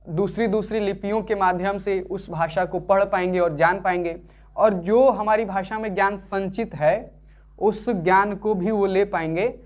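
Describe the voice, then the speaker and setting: Patient man explaining an alphabet lesson. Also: high voice. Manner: repetitive, keeps checking understanding with tag questions. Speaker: Sanskrit teacher.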